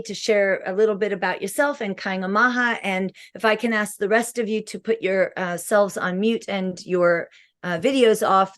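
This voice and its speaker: Female meeting host, mid pitch, halting delivery, video-call sound. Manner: hesitant, many fillers. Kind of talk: online meeting introduction.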